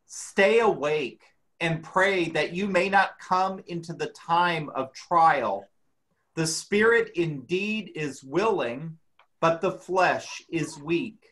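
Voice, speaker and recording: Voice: mid-range voice, expressive, takes it slowly, fairly bright tone. A church reader giving a dramatic reading of scripture.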